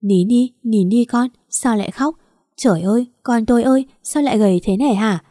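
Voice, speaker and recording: A woman's voice: medium pitch, fairly quick, dark tone, no room sound, clean studio sound, close to an everyday voice. Tearful loving mother, woman reading. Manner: fussing, tender.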